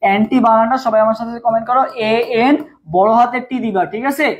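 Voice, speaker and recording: A young man tutors for admission tests in a live online class, drilling students with repeated questions and asking viewers to type along in the comments. His voice is very high-pitched and fast with fairly even intonation, and the stream audio is dull and lo-fi.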